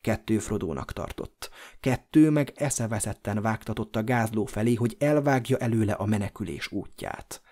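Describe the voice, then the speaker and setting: A man narrating an audiobook in a measured, dramatic storytelling delivery. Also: lowish voice, dark tone. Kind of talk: scripted narration.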